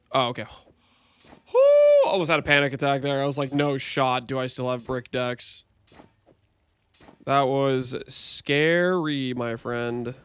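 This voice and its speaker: A man's voice: medium pitch, gravelly, clear, resonant tone. A man on a livestream headset mic, chatting and joking as he thinks aloud through gameplay commentary.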